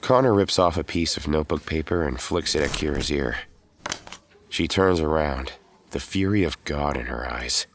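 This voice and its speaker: Over music and a noisy background, a middle-aged man narrates in a bass voice at normal speed. He's both narrator and lead in a scripted audio drama, voicing a weary ex-hero now working as a professor, recounting his own tale in a measured first-person style.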